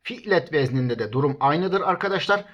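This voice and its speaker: A man's voice: fairly high pitch, lively intonation, a bit bright, muffled recording. A man teaching a recorded language lesson, reading out lists of example words one at a time and speaking to his students as friends. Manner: reads word lists slowly, one word at a time; addresses listeners as friends.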